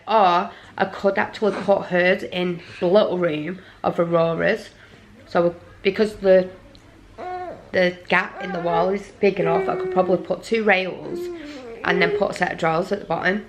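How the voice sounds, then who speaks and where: Exhausted mum, gravelly voice. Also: female voice, on the low side, steady tone, measured pace, pauses often, a crowd in the background. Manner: rambling, apologetic. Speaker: parent vlogger. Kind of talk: casual vlog chat. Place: home. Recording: noisy home recording.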